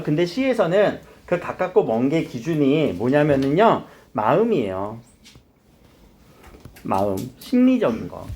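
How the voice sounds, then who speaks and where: Middle-aged male teacher, slightly high voice, very lively intonation, classroom lecture, quizzing students. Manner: lively, questioning the students often. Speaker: Korean literature teacher.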